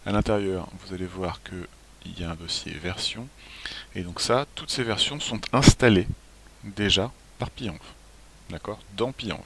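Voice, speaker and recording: Man, low voice, faint hiss. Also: unhurried. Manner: relaxed, clears throat often, hesitant restarts. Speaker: software tutorial presenter. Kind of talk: screencast walkthrough.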